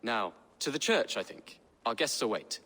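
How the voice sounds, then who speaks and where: A young noble heir in a video game, polite, formal and a little unsure of himself. The voice carries a long reverb and a faint hiss behind it. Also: male voice, medium pitch, expressive, moderate pace, pushed and bright. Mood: earnest. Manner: formal and earnest.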